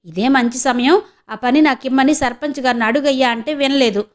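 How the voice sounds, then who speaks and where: A woman's voice: high-pitched, a little fast, voice pushed up, natural voice. A woman voicing an eager, earnest young village girl who speaks in rustic speech.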